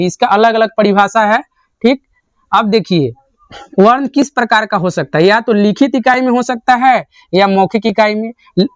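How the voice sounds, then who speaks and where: A man's voice: high voice, no room sound. A young man teaching grammar in a classroom lecture style. He asks a question, answers it himself and repeats the answer.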